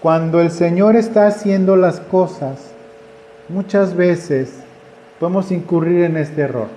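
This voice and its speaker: Man preaching, slow unhurried delivery, mellow tone, echoey church hall. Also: sits high, a little hiss or hum. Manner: conversational preaching, acts out quoted voices. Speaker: pastor. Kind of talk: sermon. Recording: echoey room with faint ambience.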